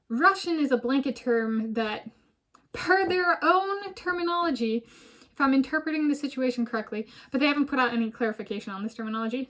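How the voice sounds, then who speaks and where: A woman vlogger thinking aloud in a meandering personal monologue, filming herself. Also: sits high. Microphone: self-filmed camera.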